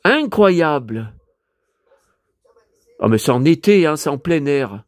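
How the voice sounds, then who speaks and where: A hoarse man in a casual vlog, talking to his viewers and muttering exclamations to himself as he browses through his purchases. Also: a little high, very animated, slow, darkish tone, no room sound. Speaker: vlogger showing his purchases.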